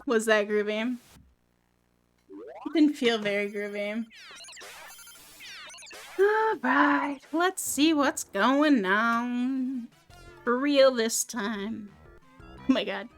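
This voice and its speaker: A woman streaming a game live, chatting in a joking, self-mocking way, her voice a bit rough from being sick. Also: on the high side, extremely slow, long pauses, faint music behind. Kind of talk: live gameplay stream chat.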